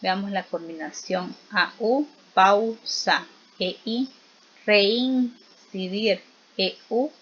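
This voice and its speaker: Slowly and patiently, a woman teaches spelling on a recording, reading out vowels and examples and prompting the listener to repeat after her. She speaks in a mid-range voice with lively intonation, slightly bright with a breathy edge, over dull audio.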